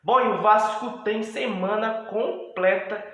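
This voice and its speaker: A man's voice: sits high, fairly even intonation, fairly bright tone. A man with a Brazilian Portuguese accent hosting a fan channel, giving casual news commentary with lots of hesitant fillers. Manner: hesitant, many drawn-out fillers. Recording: very echoey room.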